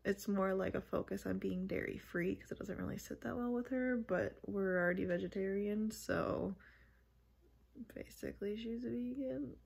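In this home baking vlog, a young woman in early adulthood chats upbeat and meandering with many asides, recorded on a phone camera on her living room couch and later in her kitchen. She speaks at a moderate pace in a mid-range voice that is creaky, husky, and darkish in tone.

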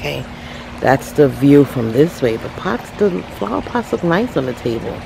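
Low, creaky, and moderately paced, a woman's voice guides viewers around her backyard garden and patio. This home renovation vlogger holds a phone camera outdoors, chatting right to her audience with lively exclamations, and ambient outdoor noise comes through.

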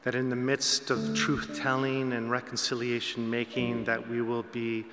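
A man's voice: medium pitch, completely flat delivery. Solemn man praying at a pulpit microphone. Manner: measured, solemn. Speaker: prayer leader. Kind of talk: spoken congregational prayer. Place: chapel. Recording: echoey chapel hall with loud guitar.

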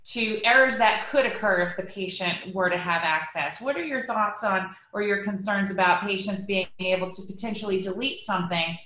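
Woman panel moderator on video call, bright tone, roomy sound. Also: medium pitch, moderate pace, few pauses, slight background noise. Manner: polite, filler-laden questions. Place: home office with bookshelves. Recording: echoey room.

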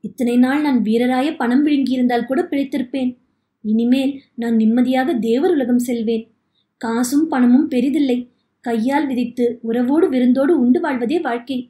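A forgiving elderly uncle gently consoles and counsels, as a woman reads him aloud. The voice is high and soft-edged. An echoey room surrounds it. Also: normal speed, lightly acted. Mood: consoling.

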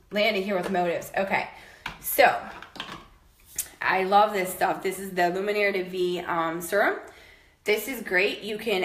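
With a medium-pitched, somewhat bright voice, a woman in her thirties rambles happily through a casual home tour of her products, using many fillers. She gets a bit out of breath moving around her bathroom and closet while filming on a phone held at arm's length.

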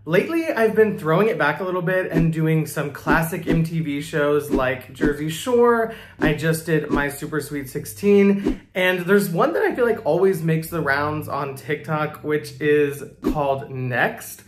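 A man's voice: fairly high pitch, animated, background noise. Chatty young man reacting, roomy sound. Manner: chatty, amused, quick to laugh and react. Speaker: reaction video host. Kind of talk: casual reaction commentary. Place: small home studio with plants.

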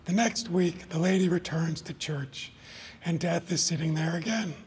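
A man reading his short stories aloud at a live event, in an even, deliberate storytelling manner. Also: on the high side. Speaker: author. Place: live reading before an audience.

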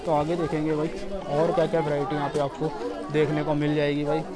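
Recorded outdoors amid street-market crowd chatter, a vlogger and host leads a casual market tour, repeating himself a lot and addressing viewers as brother. His voice is fairly high and monotone, and he speaks fairly quickly.

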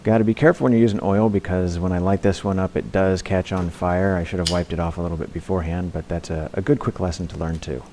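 A man with a very low voice narrates a hands-on DIY tutorial, calm and matter-of-fact. He speaks close to the mic as a voice-over, with a faint hiss of noise behind him. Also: quick pace, hardly any pauses. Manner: relaxed, practical, plain-spoken. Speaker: DIY channel host.

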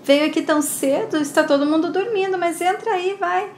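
Unsure young daughter, woman reading the part, high voice, echoey room. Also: brisk, slight background noise. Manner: reads the lines plainly, little change of voice.

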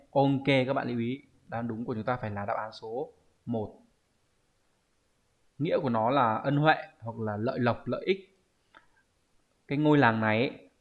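A man's voice: medium pitch, highs cut off. A man teaching an online lesson with a Vietnamese accent, explaining exam answers and often asking the viewers to confirm. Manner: explanatory, asks rhetorical checks often. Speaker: Japanese teacher.

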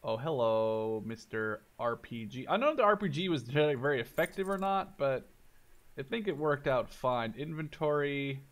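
Speaking at a normal speed with a medium pitch, a twentysomething man gives offhand, sweary commentary while thinking out loud over gameplay. He's a Dutch gaming video host based in Canada, recording indoors.

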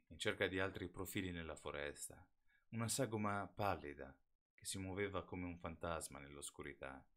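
A man reading an audiobook aloud live in a steady, measured way. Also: low-pitched. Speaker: audiobook reader.

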